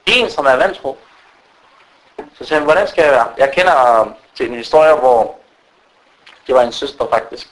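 A man's voice: medium pitch, low-quality recording. Man, preacher, unscripted religious talk, frequent fillers, speaks straight to the audience. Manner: unscripted, halting with fillers, addresses listeners directly. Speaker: Islamic preacher. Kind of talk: religious lecture to a gathering.

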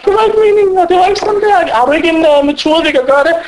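A man voicing a distraught divorced husband who begs in a high, whiny voice. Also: fairly even intonation, rough recording. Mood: pleading. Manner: high-pitched, whiny begging.

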